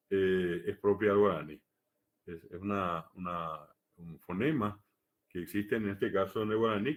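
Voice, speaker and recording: A man giving a live academic lecture, measured and explanatory, pausing often on hesitation fillers. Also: on the low side. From Paraguay. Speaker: lecturer on the Guaraní language.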